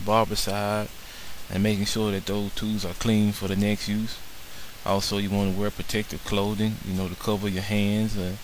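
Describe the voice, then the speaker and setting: Guy with a lowish voice walking through a barber lesson, earnest, says uh a lot, bit of hiss behind. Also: rough recording. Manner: earnest, many "uh" fillers. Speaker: barber instructor. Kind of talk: narrated slideshow lesson.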